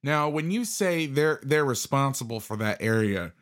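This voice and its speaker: A man's voice: mid-range voice, expressive, normal speed, fairly bright tone. A man hosting a casual podcast interview, telling a joking story and asking questions. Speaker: podcast host.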